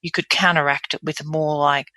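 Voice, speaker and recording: A woman's voice: sits low, moderate pace, bright, forceful tone, no room sound. A woman talking as a voice coach guest in a podcast interview, earnest and explanatory, often demonstrating example voices.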